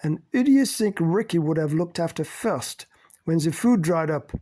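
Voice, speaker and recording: A man voicing Pascal, a sharp-tongued, flirtatious woman who mocks and cuts with cool scorn, in an audiobook. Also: fairly high pitch, expressive, normal speed, voice pushed up. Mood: cold, scornful. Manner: mocking, cutting.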